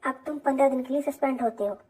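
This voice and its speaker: A woman's voice: sits high, very fast, mellow, husky, low-quality recording. A woman performing a fan fiction audio story, playing every part herself.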